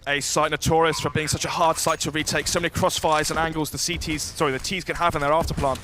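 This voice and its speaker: A man giving live esports caster commentary, running through each round in a brisk, clipped analytical way. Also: on the high side, flat delivery, bright, forceful tone. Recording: faint game noise behind voice.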